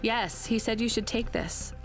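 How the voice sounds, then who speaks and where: A woman's voice: on the high side, unhurried, music in the background, lightly acted, rough recording. An actress voicing an independent, skeptical young woman courier in a video game, plainspoken and understated. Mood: businesslike.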